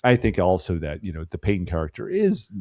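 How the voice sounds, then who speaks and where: A man's voice: low-pitched, sing-song, fairly quick, dark tone, no echo, studio quality. A man co-hosting a podcast, talking through a movie in a loose, profane way with lots of "you know" fillers. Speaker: podcast co-host. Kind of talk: casual film discussion.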